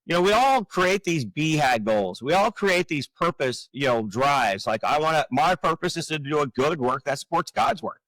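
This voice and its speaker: Man in his forties, fairly high voice, animated coaching tone, dry close sound. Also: normal speed, hardly any pauses, no room sound, poor audio. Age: 40s. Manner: energetic, coaching, rhetorical questions. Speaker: podcast guest, real estate coach. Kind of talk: casual podcast talk.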